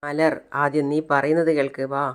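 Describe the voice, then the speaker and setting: A storyteller doing a caring young woman from a television serial, soft at first but quietly insistent as she coaxes, with barely any change from the plain retelling voice. The pitch sits at a middling height. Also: flat delivery, normal speed, smooth, close to an everyday voice. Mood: firm.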